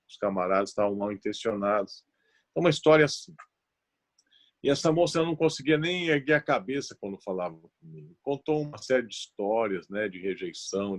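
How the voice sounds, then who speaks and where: A male pastor tells a story in an earnest sermon, often dropping to a hushed tone and adding tag questions. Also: on the low side.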